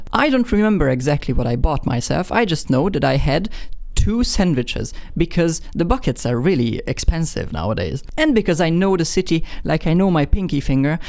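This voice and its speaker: A man's voice: fairly high pitch, a little mellow. A young man in his twenties from Hungary with a Hungarian accent, telling an embarrassing personal story in a candid, self-mocking way with frequent restarts. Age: 20s. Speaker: vlogger.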